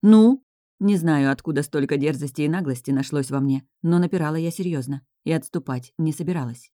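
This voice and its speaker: A woman narrating a first-person audiobook with an expressive reading. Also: sits low, fast talker, dry recording, clean studio sound.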